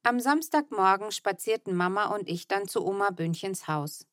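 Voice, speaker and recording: A woman's voice: medium pitch, expressive, moderate pace, fairly bright tone, dry recording, studio quality. A woman narrating a children's book in the first person, telling the story evenly and tenderly. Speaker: audiobook narrator.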